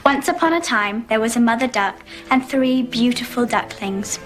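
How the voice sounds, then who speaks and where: A woman's voice: fairly high pitch, expressive, normal speed, lightly acted. A young woman playing a chatty, confident twelve-year-old schoolgirl in a film drama, eager and playful. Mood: theatrical storytelling. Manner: eager, talkative. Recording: film soundtrack with loud music.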